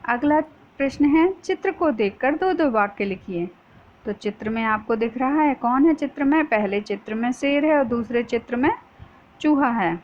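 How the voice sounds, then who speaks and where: Slow patient woman teaching young kids. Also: fairly high pitch. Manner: slow and patient, often asks questions and answers them herself. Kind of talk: explaining a textbook lesson to young pupils. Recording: dull lo-fi sound with faint noise.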